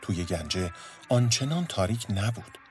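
Deep-voiced male story narrator. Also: lively intonation, faint music behind.

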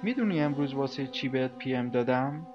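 A man voicing a quiet, guarded young woman in an audio story, over slightly muffled sound and soft music. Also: extremely low pitch, animated. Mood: insistent. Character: tense young woman pressing her partner.

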